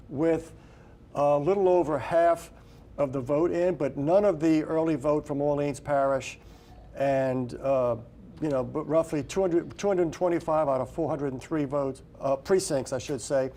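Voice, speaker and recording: A man's voice: a little high, dark tone. A man giving unscripted live election analysis in a conversational way, correcting himself as he works through his thoughts. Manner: conversational, hesitant phrasing with self-corrections.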